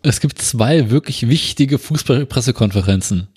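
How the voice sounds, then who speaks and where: A man's voice: medium pitch, lively intonation, normal speed, a little mellow, slightly rough. A man co-hosting a casual podcast chat, making dry quips. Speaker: podcast co-host.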